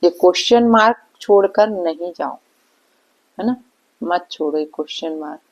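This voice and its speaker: A woman's voice: lowish voice, moderate pace, a little mellow, dull audio. A woman vlogger giving a reaction commentary, scolding and indignant, firing off rhetorical questions. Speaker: vlogger reacting to online drama.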